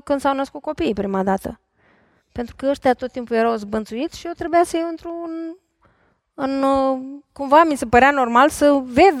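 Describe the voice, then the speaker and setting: A middle-aged woman, a couples therapist, talking on stage before an audience, lively and putting questions straight to the listeners. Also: high-pitched, no echo, clean studio sound. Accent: Romanian. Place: large concert hall stage.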